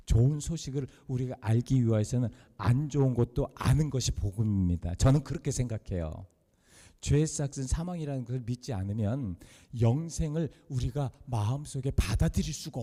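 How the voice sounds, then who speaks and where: A man's voice: mid-range voice, lively intonation, normal speed, warm tone, long reverb tail. A man preaching as pastor in a church sanctuary, emphatic, repeating key phrases and asking rhetorical questions. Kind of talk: sermon.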